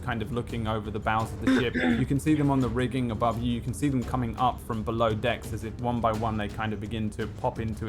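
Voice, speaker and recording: A man runs a tabletop game as game master. He speaks at a middling pitch, improvising the scene haltingly and thinking aloud. Music is clearly audible behind him.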